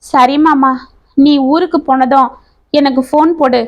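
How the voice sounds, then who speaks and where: A woman voicing a gentle, anxious young woman. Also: high-pitched, fairly even intonation, measured pace.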